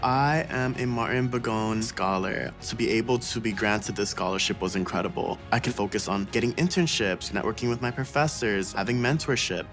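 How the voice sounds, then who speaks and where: A man's voice: fairly low pitch, normal speed, hardly any pauses, a bit bright. A young man telling his own story in a college testimonial, earnest and reflective. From United States, Dominican family. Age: young adult. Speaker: student in a college video. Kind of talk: interview testimonial. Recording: music bed under the voice.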